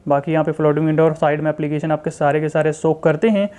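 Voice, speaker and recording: In this casual screen-recording walkthrough, an Indian-accented man who hosts a tech channel reviews phone software, repeating himself as he explains things straight to viewers. He talks fast in a fairly high, monotone voice with a warm, clean tone.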